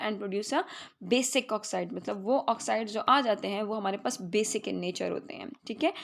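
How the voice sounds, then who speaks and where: Pakistani woman, school chemistry teacher, a bit high with a creaky edge; patient, explanatory revision delivery. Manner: explains in Hindi-Urdu, reads English definitions slowly, checks with "theek hai". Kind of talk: classroom revision lesson.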